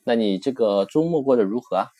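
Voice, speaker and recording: Animated and brisk, with a mellow mid-range voice, a man works through a recorded textbook language lesson. He patiently explains, says every phrase several times over, and draws comparisons with English words.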